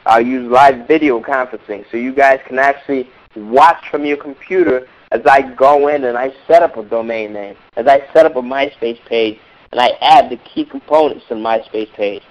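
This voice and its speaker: A music business coach with a cold leads a motivational teleseminar, his medium-pitched voice hoarse as he moves at a moderate pace. He's emphatic, repeating words for stress, and the call sounds dull and lo-fi.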